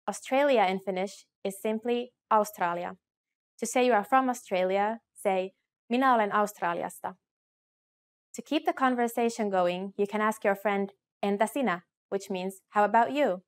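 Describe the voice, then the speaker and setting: A young adult woman, a language teacher, reads a scripted lesson directly to camera in a mid-range voice. She speaks each phrase slowly and clearly as a model for learners, recorded on a studio mic.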